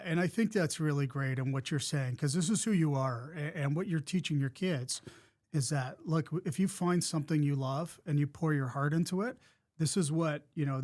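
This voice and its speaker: Podcast host guy, a bit higher voice, encouraging and reflective, stumbles and restarts a lot. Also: darkish tone. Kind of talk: casual interview talk.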